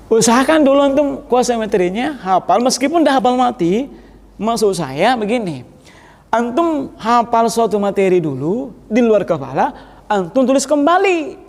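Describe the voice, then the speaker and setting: A man teaching a class how to preach, giving blunt feedback and laughing now and then. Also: very high voice. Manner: gives blunt advice and often laughs. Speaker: teacher of sermon practice. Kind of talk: classroom feedback on public speaking. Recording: echoey hall with long reverb.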